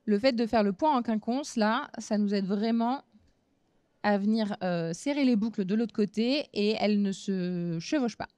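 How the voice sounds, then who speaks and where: A woman in her thirties giving a relaxed craft demonstration at a fair booth, talking casually with frequent hesitations. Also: mid-range voice, moderate pace, smooth, dry recording. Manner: relaxed, chatty, many hesitant fillers. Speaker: craft instructor. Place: small trade-fair stage booth.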